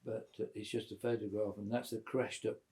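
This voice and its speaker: A man in his eighties telling lively family stories at home, chuckling and acting out the voices of the people in them. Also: on the low side, a little fast. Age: 80s. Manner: lively, chuckling storyteller who acts out quoted voices. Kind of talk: casual storytelling at a family gathering.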